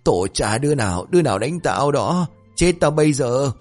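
A man voicing a cranky old master who has choked on smoke and shouts curses at his apprentices. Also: mid-range voice, very animated, normal speed, soft background music, voice pushed up. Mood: angry, scolding. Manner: gruff, scolding, shouting.

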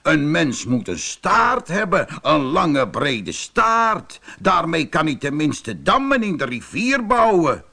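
A man's voice: on the high side, very animated, takes it slowly, gravelly, hardly any pauses, pushed and bright, full character voice. A man voicing an earnest male beaver in a storybook. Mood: insistent.

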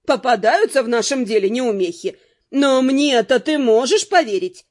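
A woman's voice: a little high, measured pace. A woman reading an audiobook, voicing a bold and pushy southern fortune-teller who drawls a coaxing sales patter. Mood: sly.

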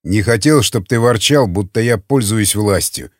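A man voicing a gruff older male raider with a dry, mocking manner and curt commands. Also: on the low side, moderate pace, dry recording, pitched below the performer's own voice, natural voice. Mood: wry.

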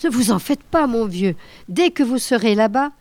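A woman's voice: on the high side, expressive, normal speed, a little mellow. A woman reading aloud voices a fatherly male spymaster reassuring his agent.

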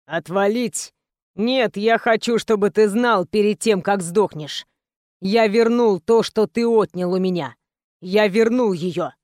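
A woman voicing a menacing, foul-mouthed male gangster in a low, threatening growl. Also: a little slow, darkish tone, no echo, studio quality, lightly acted. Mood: gloating menace.

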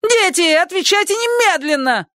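A man voicing a shrill, spiteful elderly woman neighbor who scolds and gloats in a squealing voice. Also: animated, moderate pace, sharp tone, no room sound, clean studio sound, full character voice. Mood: shrieking. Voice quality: shrill, shrieking.

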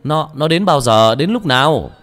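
A man's voice: on the high side, animated, moderate pace, a bit bright, faint music behind, voice pushed up. A man doing an alarmed middle-aged father. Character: worried middle-aged father calling to his son.

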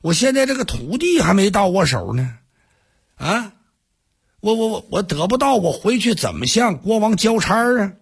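A man's voice: high-pitched, very animated, moderate pace, few pauses, breathy edge, voice pushed up, full character voice. A man voicing a flustered envoy who stammers anxiously.

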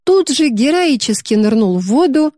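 Mellow-voiced woman narrating a story. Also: high voice, big pitch swings, moderate pace, no echo, studio quality.

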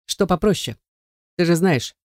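A jealous, rough-spoken young man growls out his words, as a male audiobook reader plays him. The tone is dark and mellow. The recording is dry and close. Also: high voice, animated, a little slow, no echo. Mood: wry. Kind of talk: audiobook character voice.

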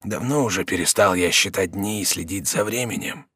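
A male audiobook reader voicing a dying old prisoner in his sixties who speaks slowly, quietly and wearily. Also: sits low, slightly rough, no echo, clean studio sound. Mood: resigned. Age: 60s. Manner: slow, hushed, sighing. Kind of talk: audiobook character reading.

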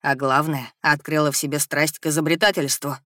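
A man plays an earnest young nobleman with a passion for invention, speaking in an audiobook. His tone is bright and forward, his manner calm and reassuring, and the recording is dry and close. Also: fairly high pitch, brisk, dry recording. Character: young male lord, earnest inventor, gentle. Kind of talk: audiobook character reading.

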